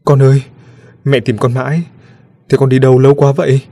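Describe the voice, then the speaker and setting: Guy putting on a weeping ghost mom from a spooky storybook, high and pleading, loud and sobbing as she calls for her lost son. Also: level tone, fairly quick, lightly acted. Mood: mournful. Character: grieving ghostly young mother searching for her son. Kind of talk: storybook reading.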